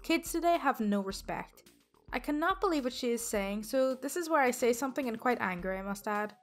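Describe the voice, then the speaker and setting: A woman hosting a storytime channel, reading online posts aloud in a steady, even delivery. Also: on the high side, fast, soft background music.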